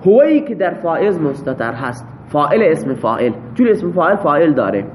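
A man's voice: on the high side, big pitch swings, slight background noise. A man teaching a classroom grammar lesson, parsing example sentences step by step and checking answers with his students.

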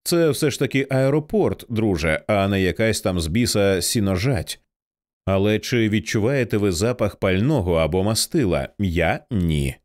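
Audiobook figure: man voicing calm, sardonic British man, dry delivery, lively intonation. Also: on the low side, normal speed, lightly acted.

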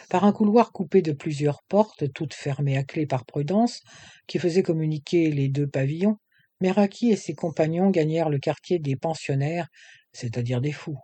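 A man narrates an old adventure novel at a measured pace, shading his tone a little for each character. His voice sits slightly high but has a mellow, soft timbre. The recording is close and dry, with no room sound. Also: dry recording. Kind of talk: audiobook reading of a French adventure novel.

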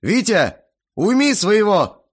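A man voicing a red-faced, indignant fat middle-aged uncle who shouts and sputters, in an audiobook. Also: high-pitched, sing-song, takes it slowly, breathy edge, pitched above the performer's own voice, heavily acted. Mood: indignant shouting.

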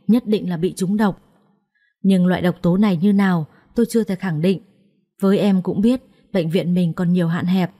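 A woman voicing a serious doctor who explains a diagnosis in a measured way. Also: fairly low pitch, warm tone, natural voice. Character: serious hospital doctor, male, middle-aged.

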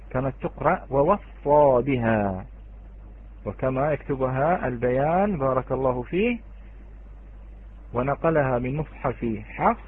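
A man's voice: a little high, slightly rough. A man teaching an online Quran recitation lesson, patiently quizzing students and chanting the example words. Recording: tinny phone-like online audio.

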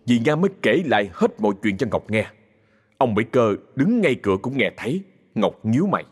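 A man's voice: mid-range voice, big pitch swings, a little fast, husky. A man narrating a ghost story with dramatic storytelling.

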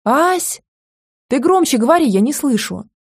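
A woman voicing a loud, half-deaf old grandmother. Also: mid-range voice, lively intonation, normal speed. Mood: fussy, loud. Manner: loud, shouting, exclamatory. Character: hard-of-hearing, bossy, fussy old grandmother.

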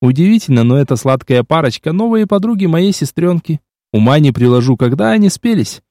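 A man narrating a first-person audiobook with lively storytelling. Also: on the high side, brisk, no room sound, clean studio sound.

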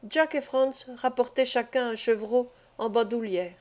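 A woman narrating a classic adventure novel as an audiobook reader, measured and even. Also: fairly high pitch. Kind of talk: scripted narration.

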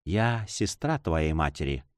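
A man reading the part of a gentle woman, the hero's aunt, who speaks tenderly and softly. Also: low-pitched, expressive, moderate pace, no room sound, clean studio sound, voice pushed down. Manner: tender, soft-spoken.

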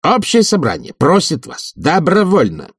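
A man's voice: fairly high pitch, wildly swooping pitch, unhurried, breathy edge, no echo, clean studio sound, pitched above the performer's own voice, exaggerated voice. A man voicing an indignant young male house-committee chairman who talks in a pompous, stiffly formal way.

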